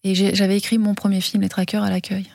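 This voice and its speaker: Brief: French woman filmmaker, interview guest, gravelly texture, hesitant and searching for words, dry close sound. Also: mid-range voice, little pitch movement, fast talker, a little mellow, dry recording. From France. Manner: hesitant, many fillers and restarts. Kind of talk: interview conversation.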